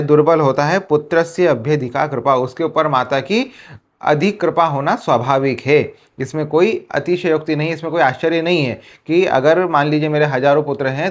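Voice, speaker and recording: An Indian man teaching a Sanskrit textbook lesson, reading each line and then restating it slowly several ways in Hindi. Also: fairly high pitch.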